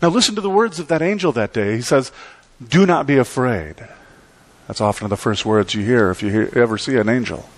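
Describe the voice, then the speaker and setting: A middle-aged man preaches from the pulpit of a church sanctuary, his voice at an ordinary male pitch. He delivers the sermon in an animated way, slowing into dramatic pauses and gesturing widely as he speaks. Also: no echo. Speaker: pastor.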